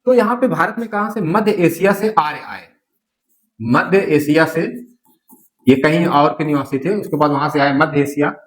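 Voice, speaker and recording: A man's voice: a little high, normal speed, low-quality recording. A male teacher giving a lesson, writing on a board, who keeps asking questions and answering them himself, repeating key words and correcting slips. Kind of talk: classroom lecture. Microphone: writing on a board while talking.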